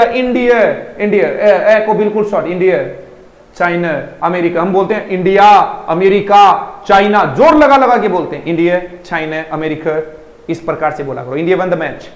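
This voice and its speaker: A man's voice: high-pitched, moderate pace, roomy sound, low-quality recording. A man teaching an online English class, speaking emphatically, repeating words to drill pronunciation, and checking in with students as he goes. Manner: addresses students fondly and asks checking questions.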